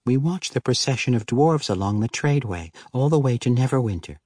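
A man's voice: medium pitch, lively intonation, fairly quick, a little mellow, husky, no room sound, clean studio sound, pitched above the performer's own voice. Man putting on a teasing halfling noblewoman. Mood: matter-of-fact. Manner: teasing, lightly raised voice.

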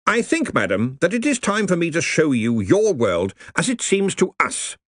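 A man performs an exaggerated voice of a hearty, pompous old wizard who heads a university, pitching it above his natural voice so it sounds fairly high and bright. His delivery has huge pitch swings at a moderate pace, captured dry with clean studio sound.

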